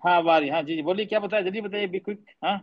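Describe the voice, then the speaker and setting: High-voiced male tajweed teacher, online class. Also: rapid-fire, muffled recording. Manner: patient, repeats points, quizzes students; mixes English words into speech. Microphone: online class audio.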